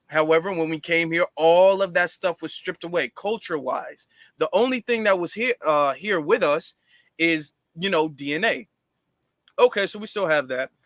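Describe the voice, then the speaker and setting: A man's voice: on the high side, fairly bright tone, no room sound. A man hosting a casual livestream, explaining at length to viewers with many fillers and restarts. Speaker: livestream host.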